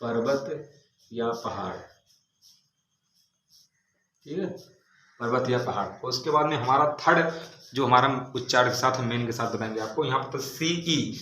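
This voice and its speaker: A man's voice: medium pitch, moderate pace, pushed and bright. Man spelling out words in an echoey classroom. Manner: spells words letter by letter, then repeats the meaning with "ठीक है". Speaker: English teacher. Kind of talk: classroom vocabulary lesson. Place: large classroom. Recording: echoey room, faint background noise.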